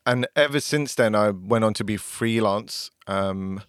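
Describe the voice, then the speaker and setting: A man's voice: on the low side, a little slow, clear, resonant tone, no room sound, clean studio sound. A man co-hosting a podcast, talking casually about his work. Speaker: podcast co-host, record producer and engineer. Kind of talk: casual chat about career.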